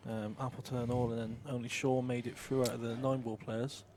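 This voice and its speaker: A man from Wales co-commentates on pool, needling his partner in a dry, teasing way. His voice is pitched in the middle range, with faint noise in the background. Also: flat delivery, brisk, darkish tone.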